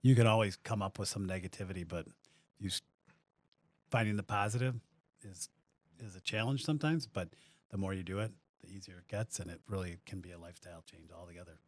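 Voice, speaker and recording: Male podcast host: low voice, friendly and easygoing, dry close recording. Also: quick pace, no echo. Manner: friendly, agreeable, dry sarcasm. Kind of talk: casual chat.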